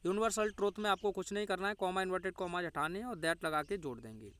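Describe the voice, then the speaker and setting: A man with a Hindi accent runs an exam-prep English lesson, walking through each answer step by step. His voice sits high and comes across smooth and resonant. The sound is dry and close, with no room echo. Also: fast talker, a bit bright. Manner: explains step by step, asks and answers his own questions. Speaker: English teacher.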